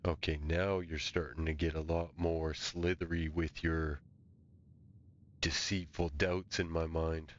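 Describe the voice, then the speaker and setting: A man's voice: a bass voice, little pitch movement, a little slow, highs cut off. A man improvising in character as a fantasy game player, bantering in a folksy way. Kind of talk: improvised in-character role-play chat.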